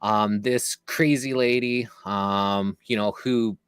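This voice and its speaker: A man's voice: fairly low pitch, fairly even intonation, takes it slowly, fairly bright tone, clean tone, no echo. A man telling a long story as an interview guest, casual and rambling, with many fillers and restarts.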